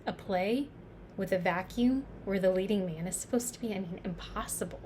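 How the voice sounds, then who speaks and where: A woman playing a reflective New Yorker in an intense dramatic stage monologue, speaking in a halting, confiding way. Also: medium pitch, warm tone, a little hiss or hum, natural voice. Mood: intense, questioning. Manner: halting, confiding, pausing and repeating words for emphasis. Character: reflective New York woman musing on mortality. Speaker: actor performing a stage monologue.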